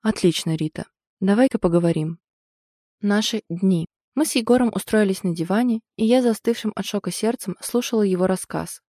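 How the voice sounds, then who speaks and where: A woman narrating a novel in the first person at a steady, measured pace. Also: mid-range voice, dry recording, clean studio sound. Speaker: audiobook narrator.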